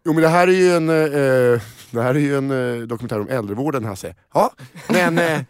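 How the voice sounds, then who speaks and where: A man's voice: mid-range voice, lively intonation, no room sound, studio quality. A man hosting a casual morning radio show, joking with guests, with frequent laughs and stumbling restarts. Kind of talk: casual studio banter.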